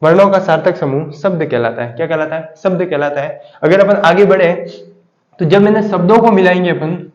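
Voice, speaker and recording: Man teaching class, quizzing and answering himself, slightly high voice, dull recording. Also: brisk. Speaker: Hindi grammar teacher. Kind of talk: classroom lesson. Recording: echoey room, dull lo-fi sound.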